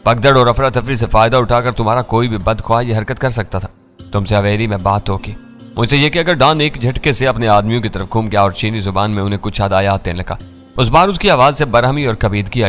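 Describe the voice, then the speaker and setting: A man reading a first-person thriller story in a measured, dramatic way. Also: fairly low pitch, a bit bright.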